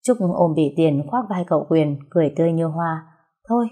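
A woman narrating a story in a steady, even way. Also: deep voice, brisk, husky.

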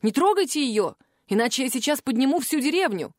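A woman's voice: high voice, big pitch swings, brisk, darkish tone, no room sound, clean studio sound. Woman reading a defiant young villager. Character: brave young male villager defending a friend.

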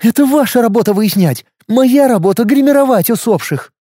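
A man voicing a sharp-tongued young woman who does makeup for the dead, talking in a snappy, indignant way. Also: very high voice, lively intonation, a little fast, dry recording, studio quality, pitched above the performer's own voice.

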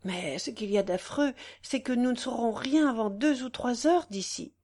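A woman's voice: on the high side, expressive, moderate pace, a little mellow. A woman reading the part of an anxious young married noblewoman who speaks curtly, with tense hesitation.

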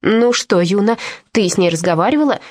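A woman's voice: medium pitch, expressive, a little fast, a little mellow, no echo, pitched above the performer's own voice, lightly acted. A woman voicing a cheeky, scheming orphan boy who teases and whispers conspiratorially in an audiobook. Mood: teasing.

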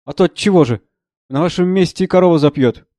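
A man voicing an earnest, brooding young man in an audiobook reading of a play, in plain low-key speech. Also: quick pace, dark tone, no echo, clean studio sound, natural voice.

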